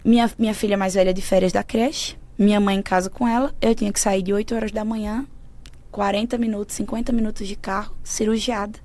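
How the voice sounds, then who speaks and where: A woman, a podcast guest who shares a personal faith story in an earnest, emotional way that often goes soft. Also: mid-range voice, level tone, a little fast. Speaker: podcast guest, mentor of women. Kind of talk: personal faith testimony in conversation.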